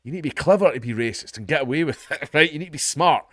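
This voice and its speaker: A Scottish online commentator reacts to an article in a casual, sarcastic and sweary manner, mocking the people he quotes. He talks fast with lively intonation, dropping into a lower, quieter voice when reading passages aloud. The recording is studio quality with no room sound.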